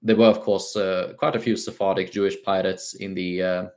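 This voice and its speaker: A man's voice: low-pitched, little pitch movement, moderate pace, a little mellow. A young Swedish man with a Swedish-tinged British accent, answering viewer questions on a casual livestream and talking hesitantly with many fillers and restarts. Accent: Swedish-tinged British English. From Sweden.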